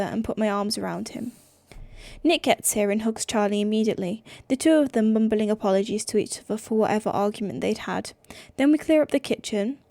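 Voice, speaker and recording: A woman's voice: fairly high pitch, mellow, no room sound. A young woman with a slight lisp giving an amateur audiobook reading, stumbling over words and restarting phrases. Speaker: audiobook reader.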